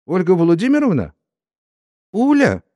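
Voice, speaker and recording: A man voicing a shocked young village woman who shouts in breathless high bursts. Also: huge pitch swings, a little slow, exaggerated voice. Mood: frantic. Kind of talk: audiobook character voice.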